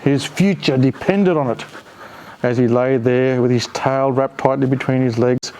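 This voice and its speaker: Warm and medium-pitched, a man's voice brings a picture book to life for his dog, with slight background noise. He reads the children's story expressively, mixing in playful, chatty asides to the pet.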